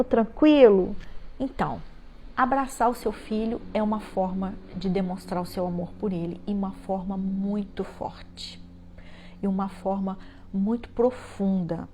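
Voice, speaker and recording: A woman's voice: on the high side, dark tone. Emphatic Brazilian woman giving parenting advice. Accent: Brazilian Portuguese. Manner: emphatic, slows right down on key phrases. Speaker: parenting educator. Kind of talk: heartfelt advice talk to parents.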